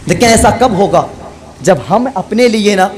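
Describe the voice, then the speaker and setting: A man from India preaching an emotional storytelling sermon, repeating phrases, prompting his listeners to respond and rising to sung shouting. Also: high-pitched. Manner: repetitive, impassioned, rises to sung shouting. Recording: live gathering with audible crowd.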